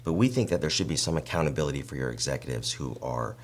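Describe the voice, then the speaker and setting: A man with a very deep voice full of gravelly fry puts frank points in an interview. He is deliberate and politely challenging. A faint hum and noise sit behind his voice. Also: expressive. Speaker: interviewer representing department members. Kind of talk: interview questioning with long statements. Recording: clear background noise and hum.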